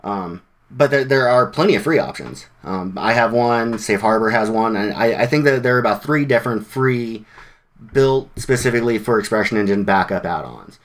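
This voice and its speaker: A man's voice: on the low side, expressive, normal speed. A man giving a casual, conversational presentation to a developer meetup, with informal slang and frequent restarts. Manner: conversational, with many fillers and restarts.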